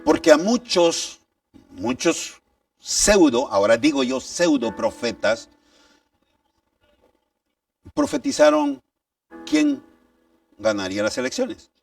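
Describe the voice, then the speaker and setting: A male pastor preaching with a gravelly, somewhat high voice. His delivery rises and falls widely, and he pushes his points with rhetorical questions. He sounds distant from the mic, with faint music underneath. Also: wildly swooping pitch, slow pace, pauses often, darkish tone. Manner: emphatic, reads scripture aloud, asks rhetorical questions. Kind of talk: sermon.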